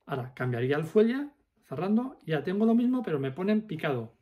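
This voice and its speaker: A man's voice: high voice, sing-song, brisk, narrow, tinny audio, very noisy. A man teaching accordion step by step, patiently explaining fingering and counting the beats aloud. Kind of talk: step-by-step music lesson.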